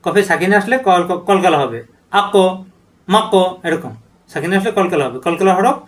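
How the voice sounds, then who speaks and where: A man's voice: sits high, animated, normal speed. A man teaching Quran letter reading, chanting each letter name long and drawn out and then explaining how to pronounce it. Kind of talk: letter-by-letter recitation lesson.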